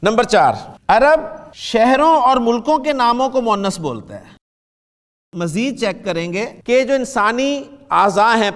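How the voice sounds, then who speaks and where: A man's voice: high-pitched, fairly bright tone, in a large hall. A man teaching a beginners' grammar lesson, patiently explaining step by step and asking the class questions.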